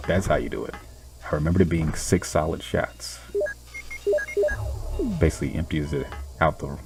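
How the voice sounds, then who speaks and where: Deep gravelly-voiced man joking through gameplay. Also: dark tone. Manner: sarcastic, teasing about the game. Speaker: let's play host. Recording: commentary over game music.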